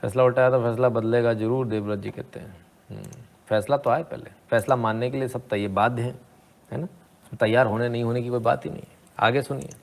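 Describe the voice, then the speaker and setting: Man, commentator, gravelly voice, middle pitch, sarcastic, rhetorical, opinionated commentary. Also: fairly even intonation, fairly quick. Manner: sarcastic, rhetorical, asks "hmm?" to the viewer. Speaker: commentator reacting to debate clips.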